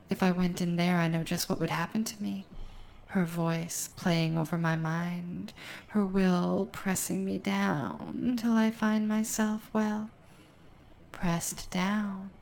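A woman delivering a hypnotic, ASMR-like trance monologue in a slow, deliberate, soothing way, lingering on words, intimate and close as if right in the listener's ear. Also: on the low side, darkish tone, slight background noise. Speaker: hypnosis performer.

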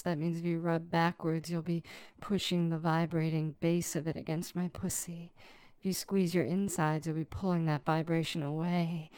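A woman performing a sensual ASMR role-play for adults, purring intimately as if right in the listener's ear, with slow, deliberate, lingering phrasing. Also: lowish voice, mellow, smooth, no echo.

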